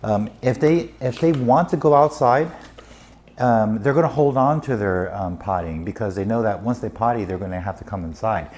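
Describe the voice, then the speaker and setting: A man's voice: on the low side, normal speed, darkish tone. A man working as a dog trainer, patiently explaining training steps to a dog's owner. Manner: patient, instructive.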